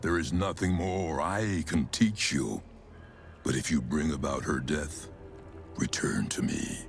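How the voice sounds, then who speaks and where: An actor voices a grim, murderous undead cult elder in a fantasy game, delivering solemn, archaic pronouncements with cold command. The male voice is very deep and gravelly, unhurried, and set over background music.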